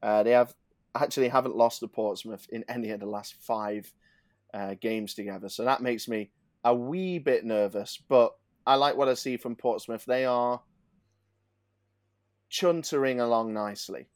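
A man from England co-hosting a betting podcast, laying out stats emphatically and dropping into quieter asides. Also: medium pitch, normal speed, no echo, studio quality. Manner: emphatic, builds lists of stats, then drops to asides. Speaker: podcast co-host, betting tipster. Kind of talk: casual football betting chat.

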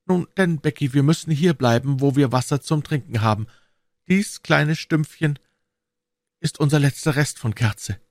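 A man's voice: a little high, normal speed, no echo, clean studio sound, pitched above the performer's own voice, lightly acted. A man voicing a brave young boy who comforts a girl, earnest and reassuring. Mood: grave.

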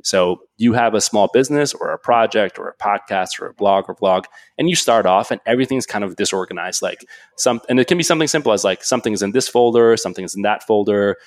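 A man from Switzerland, a guest entrepreneur on a podcast, talking in an animated, casual way full of fillers and restarts. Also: fairly low pitch, fast, dry recording. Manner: animated storytelling, frequent "like" and restarts.

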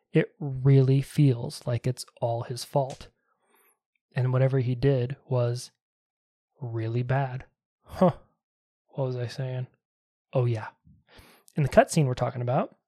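A man's voice: medium pitch, mellow. A man hosting a podcast who recaps a video game in casual chat, sarcastic and rambling, with plenty of swearing. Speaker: podcast host.

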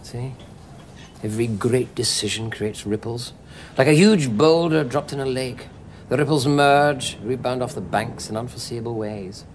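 A man's voice: mid-range voice, moderate pace, a little hiss or hum, natural voice. Fields: Figure: man playing brooding time-traveller Doctor. Style: TV drama. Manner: ponders aloud, philosophical. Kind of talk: 1980s TV drama acting.

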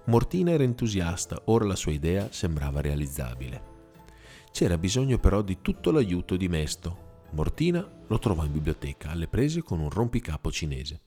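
A man reading a children's fairy tale aloud with expressive storytelling over soft music. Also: sits low, normal speed.

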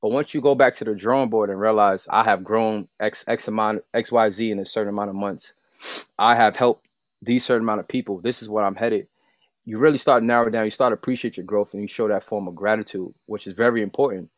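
A man's voice: fairly low pitch, fairly even intonation, quick pace, no echo. A man speaking as a podcast guest, earnest and casual, sharing entrepreneur advice with some slang. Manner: earnest, laughs often, slangy. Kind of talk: casual motivational chat.

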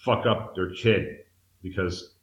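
The muffled recording captures a low-voiced man speaking slowly in an echoey room in Mexico. In his forties and from Massachusetts, he is an interview guest candidly relating his life story, earnest and searching, with frequent sentence restarts.

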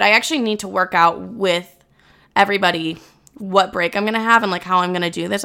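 A woman's voice: medium pitch, fairly bright tone, clear, resonant tone. A young adult woman hosting her own podcast, talking candidly and bluntly to listeners with frequent swearing. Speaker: podcast host. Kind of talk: casual chat to listeners.

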